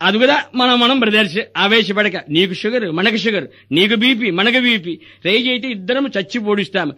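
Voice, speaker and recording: An actor playing a scheming, greedy hospital doctor in a stage comedy, firing off rustic wisecracks. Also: male voice, high-pitched, bright, forceful tone. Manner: rapid wisecracking, rustic dialect.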